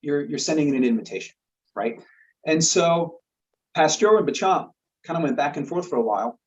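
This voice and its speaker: On a slightly dull lo-fi recording, a male guest expert talks through a topic with earnest, casual explanation, repeating words and asking "right?" often. His voice leans high and animated, at a moderate pace.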